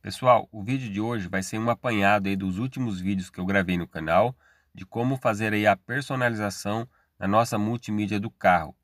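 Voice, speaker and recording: A tech channel host from Brazil, accented in Brazilian Portuguese, moves briskly through a screen-recorded tutorial step by step, casually checking in with tag questions. His voice sits on the low side and is a bit bright, captured at studio quality with no room sound.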